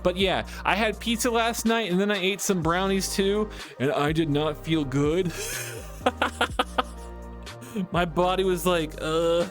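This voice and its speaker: A man's voice: high voice, fairly even intonation, normal speed, soft background music. A man chatting casually on a live stream, reading chat and giggling often as he rambles.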